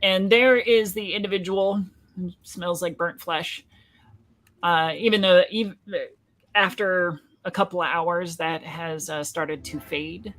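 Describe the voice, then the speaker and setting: A woman game master improvising tabletop game narration in a halting, amused way. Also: fairly low pitch, fairly even intonation, a bit bright.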